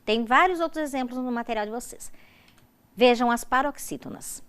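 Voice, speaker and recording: A woman's voice: a little high, clean tone. A woman from Brazil giving a recorded university lecture, explaining rules step by step and checking in with her students often. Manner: stresses example words slowly and loudly. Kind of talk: recorded distance-learning lecture.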